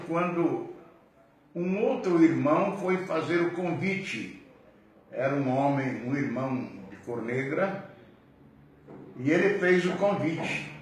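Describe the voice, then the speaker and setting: An older man, a pastor, telling his personal testimony in a slow, earnest way. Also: a little high, a little hiss or hum. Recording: very echoey, distant mic.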